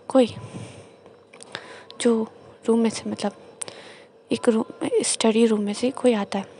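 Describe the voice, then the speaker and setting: A woman's voice: mid-range voice, dark tone, slight background noise. A woman retelling a romance story casually, often correcting herself mid-sentence. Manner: rambling, self-correcting with fillers.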